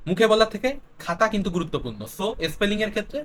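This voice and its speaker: A young man with a high, light voice runs an exam-prep spelling lesson. He spells words out letter by letter and keeps asking questions to drive each point home. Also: lively intonation, very fast, a bit bright. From Bangladesh. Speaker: teacher.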